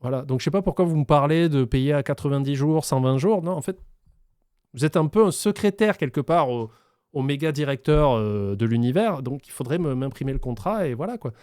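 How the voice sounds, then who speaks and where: A man's voice: on the high side, lively intonation, brisk, darkish tone, clean tone, no echo, studio quality. A young man reacting to a show, mocking and swearing a lot as he acts out scenes. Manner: sarcastic, mocking, swears freely, laughs often; acts out scenes in other voices. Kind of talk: casual reaction commentary.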